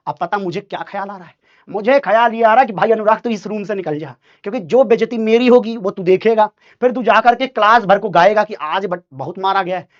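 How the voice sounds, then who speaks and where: A teacher telling his students a childhood school story, dramatic and animated, putting on voices for the people in it. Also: high-pitched, a little fast. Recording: dull lo-fi sound.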